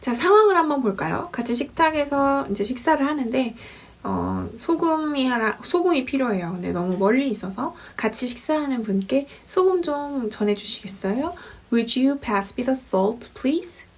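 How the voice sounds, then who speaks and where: A woman teaching an English lesson, repeating example sentences slowly and clearly. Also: sits high, very animated. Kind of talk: language lesson.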